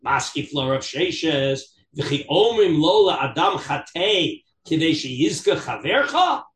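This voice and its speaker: A man teaches a Talmud class as a rabbi, reading aloud and explaining in an animated, questioning way. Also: fairly high pitch, slow pace, reverberant. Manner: animated, questioning, acts out examples in dialogue. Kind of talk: interactive text lesson, reading aloud and explaining.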